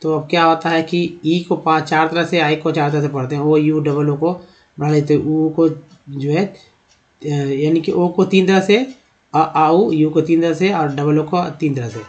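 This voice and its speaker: A man's voice: a little high, fairly even intonation, a little slow, darkish tone. A man teaching a lesson, explaining step by step, often asking a question and answering it himself, and addressing viewers as friends. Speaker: English teacher. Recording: dull lo-fi sound.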